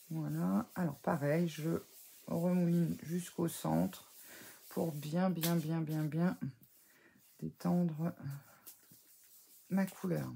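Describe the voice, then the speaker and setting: Woman, low gravelly voice with some huskiness, hesitant and chatty, explaining a craft while she works. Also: a little mellow, slight background noise. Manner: chatty, hesitant, full of fillers and self-corrections; talks while working with her hands, self-mocking. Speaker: scrapbooking crafter. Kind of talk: casual craft tutorial.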